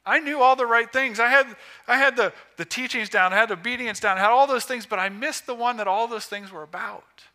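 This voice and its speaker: A man preaching a sermon with emphatic, measured phrasing broken by pauses. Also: extremely high pitch, sharp tone.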